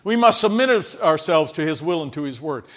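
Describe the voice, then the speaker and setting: A man preaching a sermon in a conversational way, often checking in with his listeners and swinging between loud emphasis and quiet asides. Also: fairly high pitch, lively intonation, brisk.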